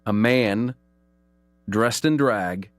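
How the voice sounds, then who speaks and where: A man hosting a call-in radio show, giving commentary and reading news headlines aloud in an earnest, emphatic way, slowing down to stress key phrases. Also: lowish voice, no room sound.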